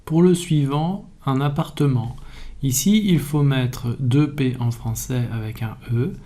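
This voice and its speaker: A man calmly explaining spelling in a video lesson, methodical and even. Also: mid-range voice, a little slow, slight background noise. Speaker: French language teacher.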